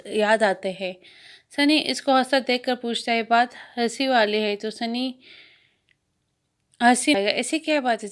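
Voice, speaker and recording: A woman with a Pakistani Urdu accent reading a romance novel aloud, voicing the dialogue as she goes and sometimes restarting a word. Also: fairly high pitch. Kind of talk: storybook narration with voiced dialogue.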